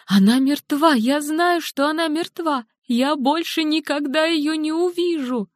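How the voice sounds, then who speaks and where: A woman's voice: high voice, unhurried, no echo, studio quality, voice pushed up. A woman reading an audiobook, voicing a frantic, grieving young mother who is near-hysterical and sobbing. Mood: desperate.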